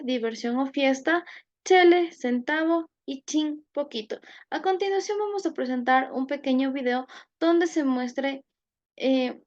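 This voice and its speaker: A woman's voice: sits high, darkish tone, lo-fi sound. A woman giving a class presentation, reading out examples one by one in a methodical way.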